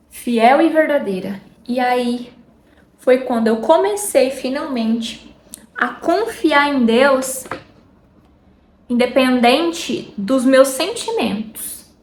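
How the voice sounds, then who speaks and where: A woman with a Brazilian Portuguese accent talks in a slightly high voice, chatty and heartfelt, as she addresses viewers intimately in a casual faith vlog. She often drifts off topic mid-thought. The room gives her voice a clear echo, with faint noise behind it. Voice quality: warm, intimate, talks directly to viewers as "meu amor". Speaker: vlogger.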